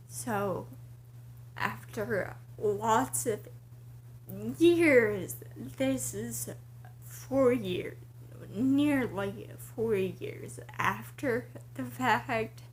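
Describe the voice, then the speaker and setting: A woman vlogger with breathy, airy starts to her words, talking casually in slow, halting, short broken phrases. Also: a little high, slight background noise. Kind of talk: casual personal vlog to camera.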